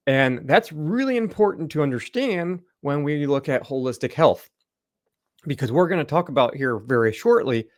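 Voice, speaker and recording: A man's voice: mid-range voice, no room sound, clean studio sound. A middle-aged man, a naturopathic doctor, explaining a slide presentation in a loose conversational way, with lots of fillers and restarts.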